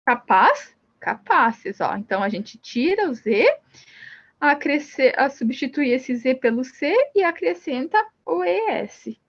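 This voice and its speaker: A Brazilian woman with a Brazilian Portuguese accent teaches Spanish grammar step by step in a recorded classroom lesson, often saying "então" and "ó" as she points to examples. Her voice sits high with lively intonation and a measured pace. The audio is dull.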